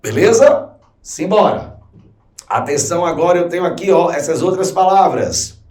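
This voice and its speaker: A man's voice: high-pitched, animated, moderate pace, darkish tone, recorded from a distance. A man teaching a grammar lesson for an exam in a chatty, slangy way, often checking in with the viewers. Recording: roomy echo, voice from off the mic.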